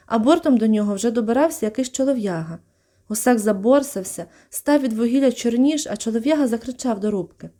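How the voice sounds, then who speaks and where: A woman reading a children's story aloud, calm and expressive, giving brief voices to the characters. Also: fairly high pitch. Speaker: audiobook reader.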